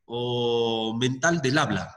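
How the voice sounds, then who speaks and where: A man's voice: mid-range voice, slow pace, a bit bright. A man voicing a curious schoolchild who asks the teacher puzzled questions, in a long echoing reverb.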